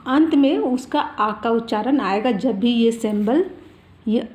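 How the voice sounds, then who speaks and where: Female teacher for a children's lesson, slightly high voice, slow and patient, demonstrates vowels by drawing them out. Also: darkish tone. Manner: patient, explains slowly with examples.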